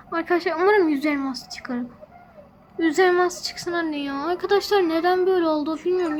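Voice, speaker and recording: A woman with an extremely high-pitched voice hosts a gaming channel, offering casual commentary as she plays. She talks to her viewers in a fretful, rambling way, and a slight hiss or hum can be heard.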